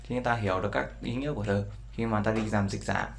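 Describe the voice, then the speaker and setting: A man's voice: fairly low pitch, quick pace, vocal fry. Chatty man teaching from his screen. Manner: explains with many fillers and repeated checks with viewers. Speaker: English teacher. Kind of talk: screen-share language lesson.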